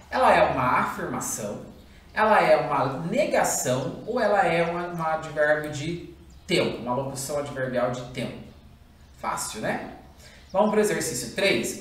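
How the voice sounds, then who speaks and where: A woman teacher with a Brazilian Portuguese accent, explaining a recorded lesson to schoolchildren in a lively, drawn-out way. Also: medium pitch. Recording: roomy echo, far from the mic.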